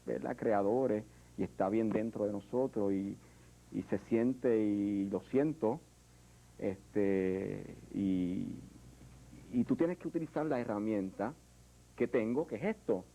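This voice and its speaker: A Puerto Rican sculptor in an interview, speaking in a reflective, hesitant way with many fillers and restarts. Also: male voice, on the low side, takes it slowly, gravelly, mellow, poor audio. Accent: Puerto Rican Spanish. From Puerto Rico. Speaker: artist, sculptor. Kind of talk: interview conversation.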